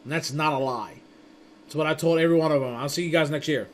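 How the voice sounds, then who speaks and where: A man with a fairly high voice talks through the intro to his networking course. He rambles casually, restarting and tripping over words as he goes, and acts out little conversations as he tells a story. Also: quick pace. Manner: rambling with frequent restarts and stumbles; chatty storytelling with acted-out quotes. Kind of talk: casual spoken lecture.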